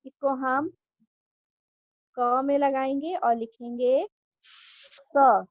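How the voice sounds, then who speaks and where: A woman's voice: high-pitched, a little mellow, no room sound. Woman teacher, patient, repeats words for children, dry and slightly dull recording. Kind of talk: Hindi grammar lesson for children.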